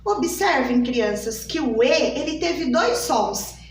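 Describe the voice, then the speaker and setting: Slow sing-song woman teacher. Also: high voice, lively intonation, distant mic, slight background noise. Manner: slow, sing-song and exaggerated, stretching out each word for small children. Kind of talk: children's phonics lesson. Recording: echoey room, voice from off the mic.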